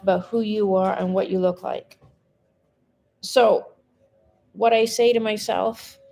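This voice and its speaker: Her voice mellow and medium in pitch, a woman in her forties who works as a mindset coach talks openly and informally to live viewers from her home, letting the odd swear word slip.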